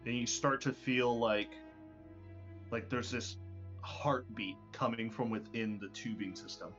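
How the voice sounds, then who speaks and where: A man's voice: medium pitch, fairly even intonation, measured pace, a bit bright, soft background music. A man narrating a tabletop game as game master, descriptive and full of "um" and "like". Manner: descriptive, hesitant with many fillers. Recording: lo-fi online voice call.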